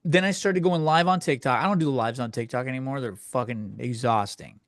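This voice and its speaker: A medium-pitched man speaks fairly quickly on a dry, studio-quality recording. Alone on his comedy podcast, he answers listener questions with a crude, rambling, self-deprecating rant in a conversational tone.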